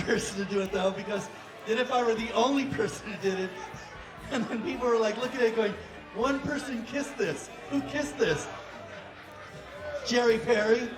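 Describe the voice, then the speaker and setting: A man in his fifties emceeing a memorial show, chatty and joking, laughing through his stories on a stage mic in a small rock club. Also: very high-pitched. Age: 50s. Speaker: event emcee. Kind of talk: casual stage banter and storytelling. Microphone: stand mic on stage, taped from the audience. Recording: echoey club taped from far off, crowd. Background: crowd chatter.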